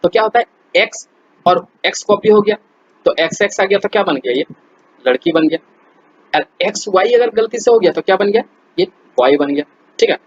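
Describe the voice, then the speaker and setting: A man walks through quiz questions like a friendly tutor, chatty and loose, stopping often to restart his sentences. His voice sits a little high and sounds husky. The recording is dull and lo-fi. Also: lively intonation, fairly quick, long pauses, no echo. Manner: chatty, many fillers and restarts, addresses viewers as friends. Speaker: teacher. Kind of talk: casual explainer lesson.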